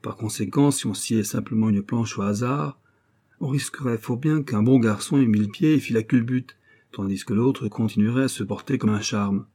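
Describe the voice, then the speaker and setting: A man's voice: medium pitch, normal speed, warm tone, lightly acted. A man reading an audiobook and voicing a sly old bailiff's clerk who coaxes and schemes in a knowing, sometimes stern way. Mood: scheming.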